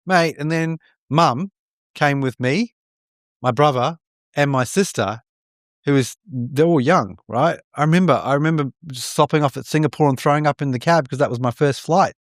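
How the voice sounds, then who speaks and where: A man's voice: on the high side, moderate pace, no room sound. Candid rambling man, dry close sound. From born in India, raised in New Zealand. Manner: candid, rambling, restarts often with frequent "right?". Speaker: podcast guest, mortgage broker. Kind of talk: casual chat.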